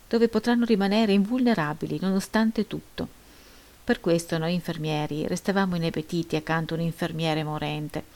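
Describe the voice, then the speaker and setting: Woman reading literary prose, lowish voice. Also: a little mellow. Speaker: audiobook narrator.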